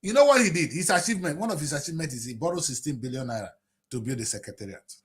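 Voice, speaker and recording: Racing through his words, a Delta State Nigerian man in his late fifties gives heated political commentary on TV. He is expressive, peppering his speech with rhetorical questions and lurching from shouting to low mutters.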